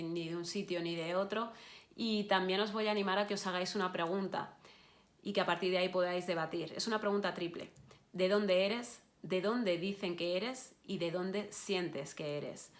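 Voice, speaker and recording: A woman giving an online course talk, encouraging her listeners directly, with frequent restarts and fillers. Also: on the low side. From Spain.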